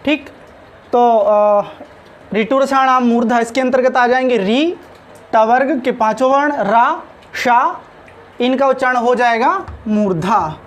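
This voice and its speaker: A man's voice: very high voice, slow. A man teaching a spoken lesson on pronunciation, sounding out each letter carefully.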